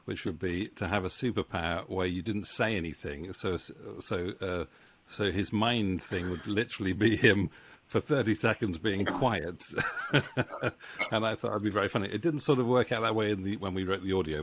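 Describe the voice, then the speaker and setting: Close to a boom-arm studio mic in his book-filled home room, a middle-aged man hosts a relaxed video-call interview. His voice is low with a fairly bright tone, and his delivery wanders and hesitates. He is both the interviewer and a co-writer.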